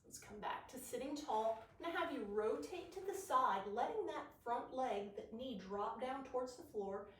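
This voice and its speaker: A female aerobics instructor with a fairly high voice, heard in a very echoey room. She guides a follow-along workout, cueing and counting moves with encouragement, a little way off from the mic. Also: lively intonation, normal speed, few pauses, distant mic. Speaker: aerobics instructor leading a low-impact workout.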